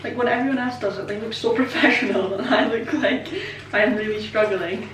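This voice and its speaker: A Scottish woman in her twenties talks briskly in a slightly high voice while baking for a casual vlog, rambling, self-deprecating, and full of ums and likes. The camera is set up away from her, so her voice comes from off-mic. The echoey kitchen adds distance, along with a little hiss or hum.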